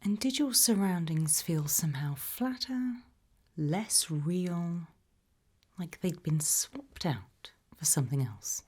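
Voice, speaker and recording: In an ASMR roleplay, a British woman plays an abduction investigator, whispering calm, careful interview questions in a low, mellow, breathy register. She takes her time, and her delivery stays soft and measured throughout.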